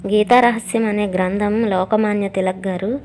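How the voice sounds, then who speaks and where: A woman narrating a devotional story in a calm, steady reading manner. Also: mid-range voice, moderate pace, slight background noise.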